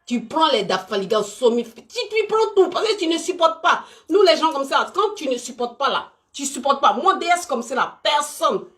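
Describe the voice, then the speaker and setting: A woman from Côte d'Ivoire hosts an unscripted live stream, speaking straight to her viewers in a high voice at a moderate pace with few pauses. She's animated, emphatic, and repetitive.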